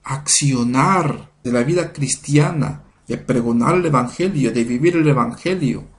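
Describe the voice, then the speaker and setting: A man giving a sermon-style Bible lesson in an earnest, measured way, building his points through repeated phrases. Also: mid-range voice. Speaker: Bible study teacher.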